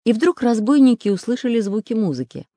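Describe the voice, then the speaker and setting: A narrator giving a lively, expressive storybook reading. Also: mid-range voice, a little fast, no echo, clean studio sound.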